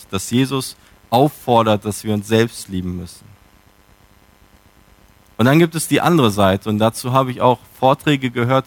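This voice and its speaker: Man, sermon, reflective, questioning, mid pitch, dry sound. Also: no echo. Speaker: preacher.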